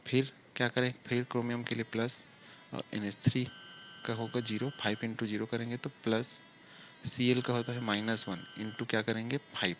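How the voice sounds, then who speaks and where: Pitched in the middle and level in tone, this slightly bright male voice comes with a faint hiss or hum. He's giving a step-by-step chemistry lesson at the board, asking and answering his own questions while stretching words out as he writes.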